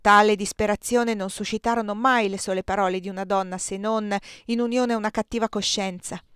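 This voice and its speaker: A woman's voice: mid-range voice, fairly even intonation, brisk, a bit bright, clean tone, no echo, clean studio sound, natural voice. A woman reading the lines of a proud, grieving young woman in an audiobook. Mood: scornful.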